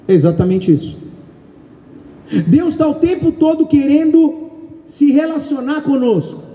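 High-voiced Brazilian preacher in echoey hall. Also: male voice. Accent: Brazilian Portuguese. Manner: loud, calls out questions to the congregation. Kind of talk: sermon. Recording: echoey hall, long reverb.

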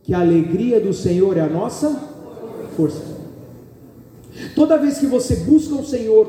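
Brazilian male pastor, high-pitched and warm, sermon with jokes and call-and-response, roomy hall sound from a distance. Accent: Brazilian Portuguese. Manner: preaching with audience call-and-response, joking asides. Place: church hall. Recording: echoey hall, picked up from far.

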